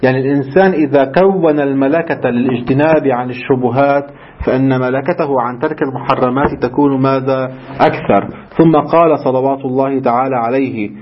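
A man's voice: mid-range voice, muffled recording, slight background noise. A man teaching a religious seminary class, who keeps asking rhetorical questions and answering them himself. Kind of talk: seminary lecture in colloquial Levantine Arabic.

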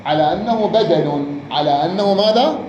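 A man's voice: high-pitched, expressive, normal speed, highs cut off, a crowd in the background. A man teaching a grammar lesson, repeating words and quizzing his student. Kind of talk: Arabic grammar lesson, question and answer. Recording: echoey room, faint noise.

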